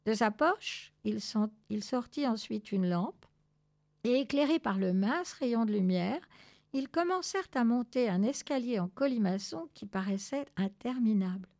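A woman reading a children's novel aloud in an expressive, measured way. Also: a little high. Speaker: storyteller.

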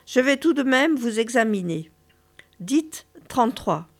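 A woman's voice: fairly high pitch, big pitch swings, unhurried, heavily acted. A woman reading the part of a pious, earnest male hospital doctor with a polite, formal bedside manner.

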